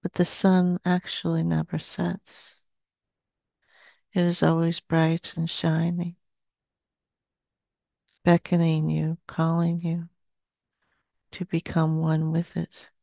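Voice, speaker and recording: A woman in her sixties trance channeling as a seance medium, speaking solemnly and slowly with long pauses. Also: on the low side, completely flat delivery, gravelly, dark tone, no echo. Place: small dim indoor room. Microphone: headset.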